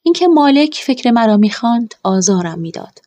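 A woman narrating a first-person story in a calm, measured way. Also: fairly high pitch. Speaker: audiobook narrator.

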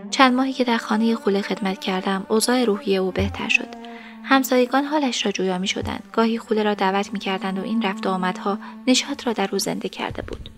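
Female narrator for a serialized story, measured and even, faint music underneath. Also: mid-range voice.

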